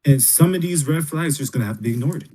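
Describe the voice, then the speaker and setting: Raspy man saying "bro" a lot. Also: on the high side, fast, dark tone. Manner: calls people "bro", easygoing. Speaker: podcast co-host. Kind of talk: casual banter.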